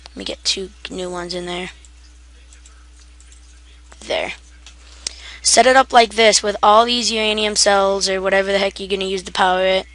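A woman's voice: mid-range voice, steady tone, normal speed, long pauses, a bit bright. A woman giving a casual, rambling game tutorial, half asleep and self-deprecating, with keyboard typing behind her. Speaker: gaming tutorial maker.

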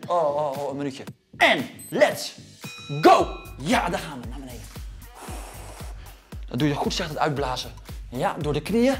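A man in his thirties leads a kids' exercise session in a gym, cheering and playfully counting down each set. His voice sits fairly high for a man and swings widely in pitch. He sounds a little winded from working out alongside them, with soft music behind him. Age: 30s. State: slightly out of breath from exercising. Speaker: fitness coach for kids. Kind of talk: energetic workout instruction.

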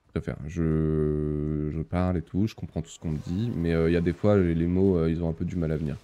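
This thirty-something streamer has a low, warm voice with a flat delivery and talks fairly quickly. Sitting in a small purple-lit room, he chats casually while gaming, reads chat out loud, and hesitates with frequent fillers.

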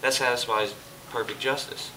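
Speaking at a normal pace with fairly even intonation, this man sounds natural in his mid-range voice as he plays Jesus, earnestly and patiently explaining to his dinner guest in an amateur church stage play. The background is noisy. A far-off camera recorded the scene indoors on a church hall stage, with music behind him.

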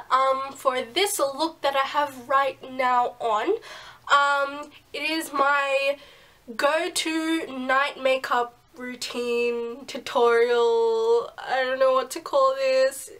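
Young female vlogger, high voice, unhurried, hoarse from a cold, chatty with lots of ums. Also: steady tone, fairly bright tone. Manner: chatty, with frequent ums and likes. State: has a cold, losing her voice. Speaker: beauty vlogger. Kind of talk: casual chat to camera.

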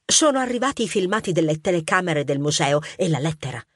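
A friendly, witty police inspector mouse, played by a woman, businesslike with a teasing edge. Her voice is slightly husky with lively pitch, recorded dry and close. A storybook figure of calm authority. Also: fast talker, no room sound. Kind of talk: audiobook character acting.

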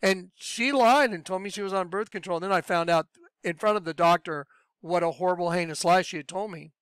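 High, smooth-voiced man giving testimony. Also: brisk, fairly bright tone, no echo. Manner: earnest, acts out quoted dialogue. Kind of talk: personal testimony storytelling.

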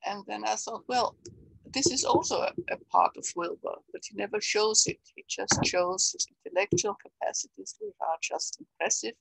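An older woman with an Austrian German accent, speaking English on a video call, reflective and halting, with many fillers. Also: medium pitch, very animated, creaky, breathy edge, no echo, rough recording. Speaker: interview guest, salon organizer. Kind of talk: casual conversation on a video call. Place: bright room at home. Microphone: webcam on a video call.

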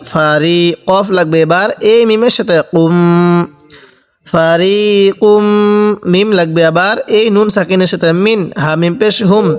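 High-voiced man spelling out recitation. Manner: spells each letter and vowel aloud, then chants the word slowly. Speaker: Quran reading teacher. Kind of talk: slow spelled-out recitation lesson. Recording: long reverb, roomy sound.

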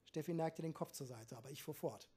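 Husky man reading dry satire aloud. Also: on the high side, fairly quick, mellow. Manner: dry, ironic storytelling. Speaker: author reading his own story.

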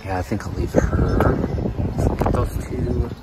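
A man giving casual running commentary while browsing an outdoor flea market, murmuring excited remarks about items and prices, recorded on a handheld phone. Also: mid-range voice, slow pace. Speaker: vlogger shopping a flea market. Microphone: handheld phone camera, first-person view. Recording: loud outdoor background noise.

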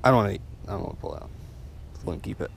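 A young man with a lowish voice and a laid-back, rambling way of talking. He speaks to an action camera outdoors by a lake, with light outdoor noise behind him. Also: lively intonation, racing, gravelly. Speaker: fishing vlogger. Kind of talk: casual outdoor fishing chat. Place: lakeshore in woods, outdoors.

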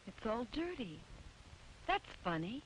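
A woman's voice: on the high side, big pitch swings, a little slow, slight background noise, poor audio. An actress playing a confused mother under a spell in a 1950s dubbed film. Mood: bewildered. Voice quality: soft, bewildered.

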